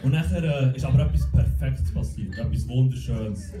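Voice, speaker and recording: A young man with a Swiss German accent doing a stand-up comedy set, deadpan and self-mocking, acting out other people's voices. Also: mid-range voice, normal speed, distant mic, noisy background. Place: comedy club stage. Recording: roomy club with loud crowd and music.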